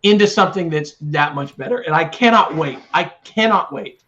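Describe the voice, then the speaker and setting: A man's voice: fairly high pitch, moderate pace, muffled recording. A man co-hosting a podcast, talking casually and eagerly. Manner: enthusiastic, excitable. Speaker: podcast co-host. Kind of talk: casual chat.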